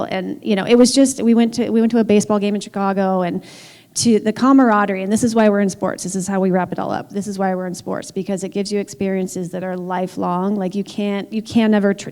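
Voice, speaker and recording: A woman team executive with a medium-pitched, mellow voice speaks candidly and emphatically on a panel, using frequent filler words. The recording carries long hall reverb.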